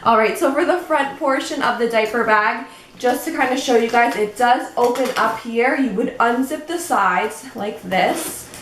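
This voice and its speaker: Her pitch sits fairly high and her delivery is measured and a touch bright. She's a young woman doing a relaxed show-and-tell vlog at home, talking through each step in a chatty, slightly winded way, with room echo and a faint hum of background noise.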